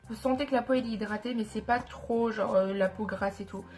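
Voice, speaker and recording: Higher-voiced woman with a stuffy nose. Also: fairly even intonation, fairly quick, a little mellow, soft background music. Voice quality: nasal, blocked-up sound. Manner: informal, enthusiastic about products, self-correcting. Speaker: beauty vlogger presenting skincare products. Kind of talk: casual chat to viewers.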